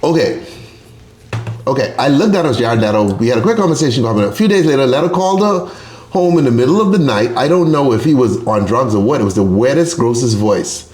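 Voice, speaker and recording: Profane joking stream host, echoey room. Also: male voice, mid-range voice, expressive, quick pace. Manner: profane, joking, reacts loudly between read-out lines. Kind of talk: casual live-stream commentary reading an article. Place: home streaming setup.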